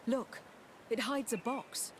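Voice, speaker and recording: A woman's voice: on the high side, fairly even intonation, slow, a crowd in the background. A woman playing a composed, courteous noblewoman legate in a video game, formal and self-assured. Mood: resolute. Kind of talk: video game character acting.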